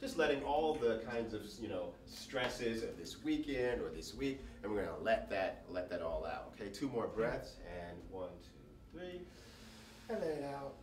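With a lowish, animated voice at a moderate pace and few pauses, a man leads a workshop through breathing and voice warm-ups, giving brief encouragement and often asking "right?". He's in a large room with an audience, on a handheld mic that he sometimes drifts away from. Expect echo, distance and audible noise in the recording.

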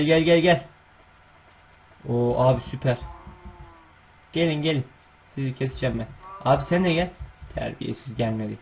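A man hosting his gaming channel, giving chatty, excitable gameplay commentary full of coaxing calls and slangy asides. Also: fairly high pitch, husky.

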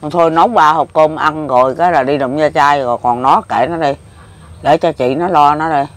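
A woman's voice: low-pitched, fairly quick. An elderly woman in her seventies with a Southern Vietnamese Mekong Delta accent. She is the interviewee and rambles through her memories. Her speech is plain, emotional and full of repetition. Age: 70s. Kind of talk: casual rambling recollection.

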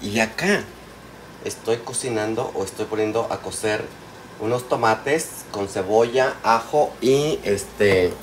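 On a nighttime cooking livestream from his home kitchen, a man with a Mexican accent and a somewhat low voice chats warmly with viewers. He greets them by name and calls them pet names in slangy talk, with kitchen noise of frying, pots and dishes behind him.

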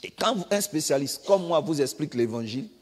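A male pastor with an Ivorian French accent preaching a sermon, swinging between loud emphatic outbursts and quiet asides. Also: on the high side, lively intonation, a little fast, background noise. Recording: long reverb of a church hall.

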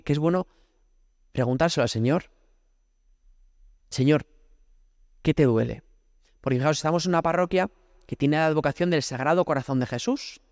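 A man's voice: on the high side, dry recording, studio quality. A man from Spain, a priest, giving a conversational prayer homily, often asking rhetorical questions and speaking directly to God. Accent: Spanish from Spain.

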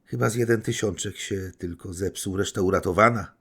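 A man reading an audiobook, voicing a panicky, ingratiating man who wails in a high, strained voice. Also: fairly quick, slightly rough. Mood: fawning. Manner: wailing, ingratiating. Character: fawning, panicky middle-aged man, wailing and wheedling.

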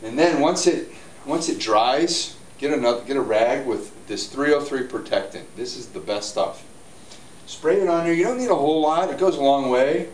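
In a large indoor spa showroom, a hot tub store owner in his forties walks and gestures through an easygoing, upbeat how-to demo. His mid-range voice is expressive and moderately paced. The audio, taken from a distant tripod camera mic, is roomy with a little hiss or hum.

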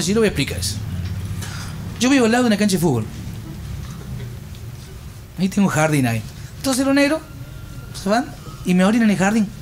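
A man with a Cordoban Argentine accent rattles off stand-up jokes in a high voice and slips into the voices of his characters. His recording carries plenty of background noise. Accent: Cordoban Argentine Spanish. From Córdoba, Argentina. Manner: rapid-fire jokes with voiced characters and laughing. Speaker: stand-up comedian. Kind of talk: joke-telling stand-up.

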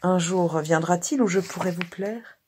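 A woman's voice: fairly low pitch, unhurried, darkish tone, a little hiss or hum, natural voice. A woman voicing a timid, tipsy old male Latin tutor, stammering and hesitant as she reads the story aloud. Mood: pleading. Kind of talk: dramatized story reading.

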